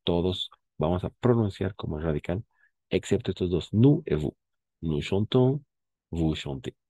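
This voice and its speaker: A man's voice: low voice, lively intonation, measured pace, warm tone, husky, dry recording. A man teaching a French class, patiently explaining and repeating key words and checking that students follow. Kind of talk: live language class explanation.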